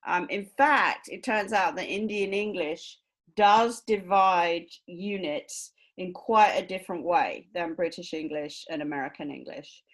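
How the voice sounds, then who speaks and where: A woman's voice: fairly low pitch, measured pace. A woman university lecturer giving a recorded lecture, explaining step by step and checking understanding with frequent tag questions.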